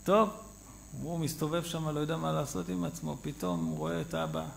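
Male rabbi, sermon storyteller, lively and chatty, with a high voice and faint hiss behind. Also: vocal fry. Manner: animated storyteller, conversational. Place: synagogue.

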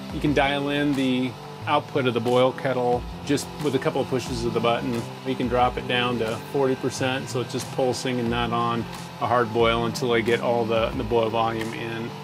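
Man, 40s, home brewer; relaxed off-the-cuff explainer, mid pitch, music bed underneath. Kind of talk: casual walkthrough explanation. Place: home basement brewery, indoors. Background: guitar music.

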